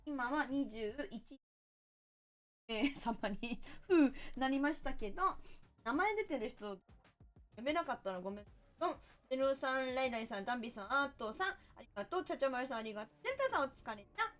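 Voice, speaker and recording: A woman's voice: sits high, fairly bright tone. A woman game streamer, chatting casually and thanking viewers one by one.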